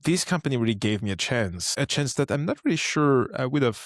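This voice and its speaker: A French startup co-founder in his thirties, speaking English as a second language with a French accent, chats as a guest in a casual interview. Relaxed and brisk, he thinks aloud and restarts often, his medium-pitched voice recorded dry with studio quality.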